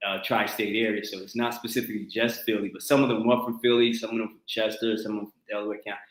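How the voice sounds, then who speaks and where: A man's voice: on the low side, quick pace. A middle-aged man, hosting a casual talk show and telling stories with acted-out quotes and frequent laughs. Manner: animated storyteller, acts out quotes, laughs often. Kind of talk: casual chat. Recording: roomy echo.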